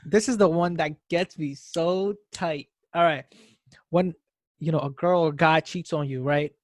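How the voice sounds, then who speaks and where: A man co-hosting a casual podcast chat, animated and blunt, getting loud when he quotes others. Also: fairly high pitch, measured pace, no room sound, clean studio sound. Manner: animated, swings to loud mock crying when quoting. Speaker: podcast co-host.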